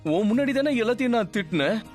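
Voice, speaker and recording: A man's voice: high-pitched, animated, very fast. A man voicing a fiercely devoted husband in a dubbed TV serial, speaking with intense emphasis, scornful toward his rival. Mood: tender. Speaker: husband declaring love for his wife. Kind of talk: Tamil-dubbed TV serial acting. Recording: TV drama dub with faint music behind.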